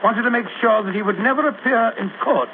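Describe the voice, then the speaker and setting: Male actor as blustering British doctor, loyal sidekick, high-pitched and hesitant, vintage radio drama. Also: fairly quick, close to an everyday voice. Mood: genial reminiscence. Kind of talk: 1940s radio acting. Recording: noisy, tinny 1940s radio recording.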